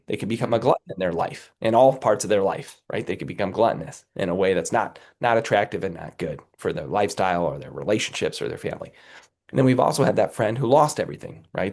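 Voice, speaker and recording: Man, deep gravelly voice, raspy from a cold, earnest motivational interview guest, keeps asking "right?". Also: a little mellow. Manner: earnest, repeats "right?" to check in. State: has a cold, under the weather. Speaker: guest, company executive.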